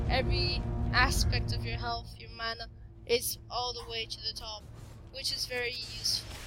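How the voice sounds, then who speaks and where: A woman's voice: on the high side, poor audio. A woman casually narrating her own match, giving chatty play-by-play of the game. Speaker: gameplay commentator.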